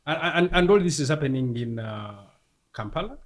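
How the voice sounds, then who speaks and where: A man's voice: mid-range voice, big pitch swings, fairly quick. A man hosting an interview, asking short questions and prompting his guest. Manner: brief prompting questions, back-channel murmurs. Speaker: interview host.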